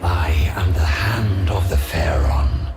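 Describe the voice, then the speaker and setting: An actor voicing an ancient female robot warrior guardian in a game, speaking slowly and gravely through a metallic robot voice filter, with echo and music behind. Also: low voice, exaggerated voice. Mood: commanding. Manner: slow, grave, commanding. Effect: robot voice filter, metallic and echoing.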